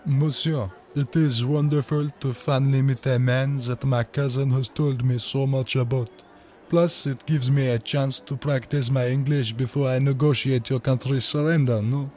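A man's voice: medium pitch, steady tone, normal speed, a little mellow, natural voice. Man as fussy French king, thick accent, pompous, mid-range voice. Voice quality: haughty, fussy.

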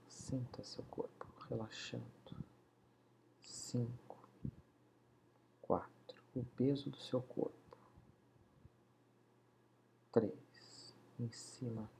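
A man slowly guiding a hypnosis session, counting down in a soothing voice that often sinks to a whisper. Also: medium pitch, gravelly, mellow, slight background noise. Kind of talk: guided hypnosis induction.

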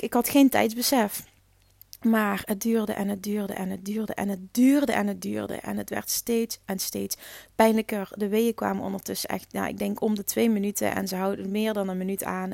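Gravelly-voiced woman telling a personal story. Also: mid-range voice, darkish tone, no echo, clean studio sound. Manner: candid, repeats phrases for emphasis; frank, with occasional swearing. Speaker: podcast host.

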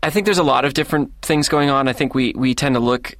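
A man's voice: medium pitch, quick pace, fairly bright tone, no echo, clean studio sound. A man on a sports podcast panel, a football writer who talks hesitantly with many fillers. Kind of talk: casual sports chat.

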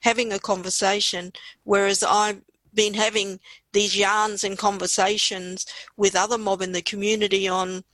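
A woman's voice: mid-range voice, flat delivery, normal speed, a bit bright, dry recording, rough recording. Female poet guest, Australian accent, mid-range voice in a dry recording, reflective conversational storytelling. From Western Australia. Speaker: poet being interviewed.

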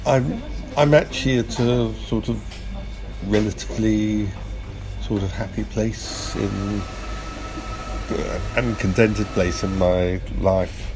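A middle-aged man, a podcast producer appearing as an interview guest, answers casually and hesitantly, thinking aloud as he goes. His voice sits on the low side and he speaks slowly. Music plays underneath, the recording is rough, and there is clear, steady ambient noise in the background.

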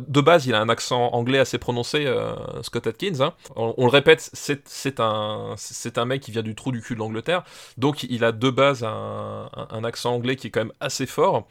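A man's voice: medium pitch, creaky, a bit bright. A man with a French accent on a podcast, enthusiastic, repeating words and stacking fillers as he talks. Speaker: podcast guest. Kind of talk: casual podcast chat.

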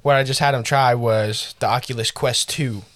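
A young American man hosts a casual podcast in a medium-pitched voice. His manner is pure frat bro, with heavy swearing and constant slang running through loose, conversational banter. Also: fairly even intonation, normal speed, a bit bright, no echo. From Florida, United States. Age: young adult. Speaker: podcast host.

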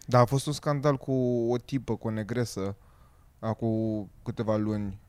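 A man's voice: darkish tone, smooth, no room sound. A young man in his twenties co-hosting a casual podcast chat, teasing and provocative. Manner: provocative, teasing, quick jumps in pitch.

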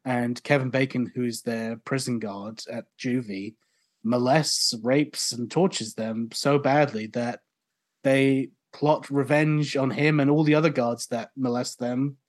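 A podcast co-host in casual chat, enthusiastic and rambling, quick to joke. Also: mid-range voice, steady tone.

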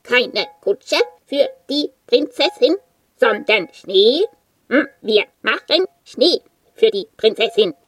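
A bored, fussy talking machine from a children's story, as a woman puts it on, answering in clipped, literal little phrases. It speaks slowly and a bit high, with loud clicks and phone-like beeps right behind it. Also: expressive, heavy background noise. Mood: pleased.

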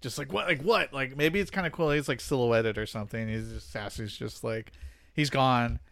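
A man co-hosting a casual chat, talking in a rambling, halting way full of restarts. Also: medium pitch, fairly bright tone.

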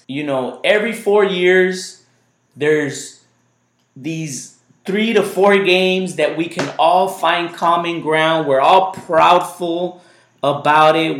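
A man with a high-pitched, somewhat bright voice hosts a casual podcast, wandering loosely and repeating words. He is from the United States, and Spanish was his first language. The recording has an echoey room sound.

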